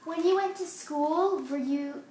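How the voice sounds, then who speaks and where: A woman's voice: extremely high pitch, unhurried, warm tone. A young woman interviewing her grandmother, asking questions hesitantly with fillers. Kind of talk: casual family interview. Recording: echoey room, faint noise.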